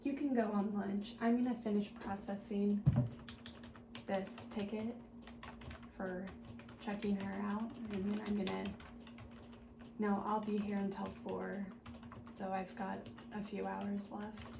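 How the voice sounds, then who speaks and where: A woman doing a soft-spoken, ASMR role-play as a helpful, patient librarian, talking gently and politely as if serving patrons at the desk. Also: mid-range voice, flat delivery, measured pace, long pauses. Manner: gentle, polite customer-service talk with small murmured asides. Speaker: ASMR performer playing a librarian at a checkout desk. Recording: roomy echo, clear background noise.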